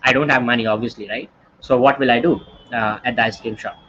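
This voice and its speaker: A young Indian man in his twenties teaches an online workshop with a bright, forceful voice. He tells stories in a chatty way and keeps checking in with his listeners. The audio sounds dull and lo-fi, like a stream from a computer mic, with a faint hiss behind it. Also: medium pitch, fast. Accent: Indian English. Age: 20s. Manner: chatty, animated storytelling with many tag questions. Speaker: workshop instructor.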